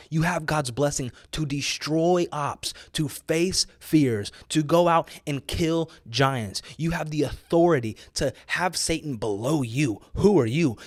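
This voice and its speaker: This studio-quality, dry recording captures an American man with a mid-range voice giving informal motivational preaching. He urges emphatically and exhortatively, repeating phrases for effect and using casual, youthful slang.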